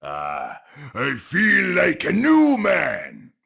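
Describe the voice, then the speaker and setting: A hearty old knight in a video game. He booms out each line slowly in a very raspy voice with huge swings of pitch. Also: huge pitch swings, full character voice. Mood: jovial bravado. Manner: booming, shouted delivery. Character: hearty, booming old male armored knight. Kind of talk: video game character voice lines.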